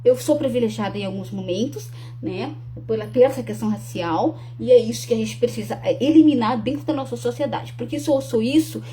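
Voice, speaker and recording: A young woman talks earnestly and directly to the camera. Her voice sits a little high but sounds mellow and warm. She often restarts her sentences and adds tag questions, while a faint hum runs underneath. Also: brisk, hardly any pauses. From Rio Grande do Sul, Brazil. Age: young adult. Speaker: speaker promoting her talk. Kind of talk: casual to-camera talk.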